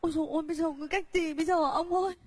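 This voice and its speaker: An actress playing a flustered, scheming rural wife in a stage comedy sketch, wailing and shouting her exclamations. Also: very high voice, fairly even intonation, racing, no echo. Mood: excited. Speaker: comic stage actor.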